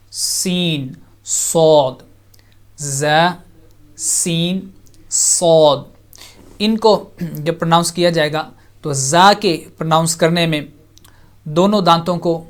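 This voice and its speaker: A Quran pronunciation teacher hosting a televised lesson, patiently repeating each letter sound and explaining step by step how to form it, and inviting viewers to call in. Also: mid-range voice. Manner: takes viewers' phone calls.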